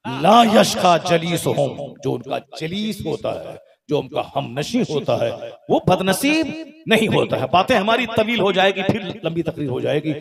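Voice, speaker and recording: A man preaching a fiery sermon at a religious gathering, swelling in pitch and volume through his lists and dropping low for asides to the audience. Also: very animated, moderate pace, gravelly. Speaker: Islamic preacher. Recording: live event with crowd noise. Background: crowd.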